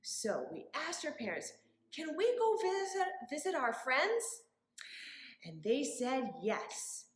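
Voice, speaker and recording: Leading a children's storytime, a librarian talks straight to the kids in an encouraging, sing-song way, guiding them through rhymes and stories. Her high voice swoops wildly in pitch at a slow pace, and the indoor sound is roomy and echoing.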